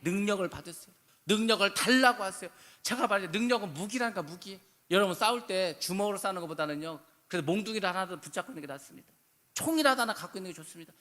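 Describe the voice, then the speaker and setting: A male pastor delivers a fervent sermon in a high, ringing voice. His tone is bright and cutting, and each phrase trails off into the long reverb of the church hall. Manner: earnest, pleading, rising to fervent exhortation. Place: church sanctuary.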